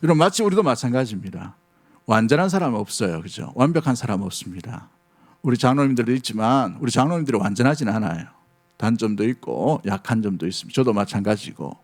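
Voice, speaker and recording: A man's voice: mid-range voice, expressive, fast. A middle-aged male pastor preaching a sermon, speaking earnestly and conversationally and often asking the congregation questions.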